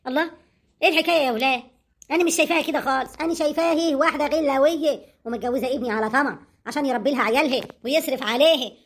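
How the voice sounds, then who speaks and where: A woman's voice: high-pitched, very fast. A woman with an Egyptian accent playing a scheming, hot-tempered peasant mother-in-law who talks sharply and indignantly.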